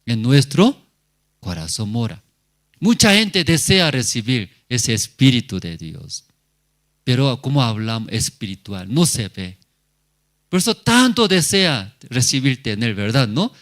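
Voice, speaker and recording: A man's voice: medium pitch, big pitch swings, measured pace, a bit bright. A male pastor preaching a sermon at a church service, speaking in short, simple phrases and often turning to the congregation with questions.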